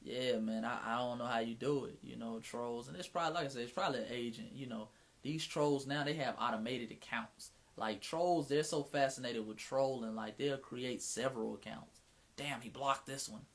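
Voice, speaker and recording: A man's voice: mid-range voice, moderate pace. A man from Atlanta with a Southern Mississippi twang, hosting his own livestream in frank, slangy casual chat. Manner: slangy, frank, drops profanity, many restarts.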